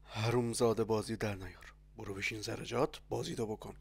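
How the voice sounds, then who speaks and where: A man's voice: fairly low pitch, level tone, creaky. A man dubbing a crude scheming male player who swears and insults others in a comedic parody. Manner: crude, swearing, shouting bursts.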